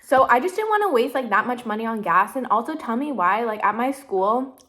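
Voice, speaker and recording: A woman's voice: a little high, expressive, brisk, sharp tone. Woman, 20s, casual eating vlog; rambling, filler-heavy chat, sometimes mouth full. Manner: chatty, rambling, heavy use of "like" and "literally". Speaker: vlogger.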